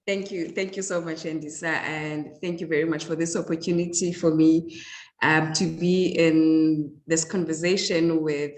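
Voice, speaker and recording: A woman's voice: low voice, level tone, normal speed, darkish tone. A South African woman from the Eastern Cape with a Xhosa accent, interviewing in a literary conversation and switching between two languages. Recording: roomy echo.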